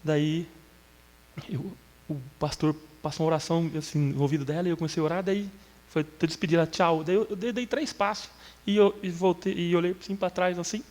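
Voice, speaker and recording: A man's voice: high-pitched, steady tone, fairly quick, big-room sound. A middle-aged man giving an earnest, emotional testimony in an interview, telling his story at length. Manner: earnest, storytelling, breaks into tears and shouts when moved. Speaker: church member giving testimony.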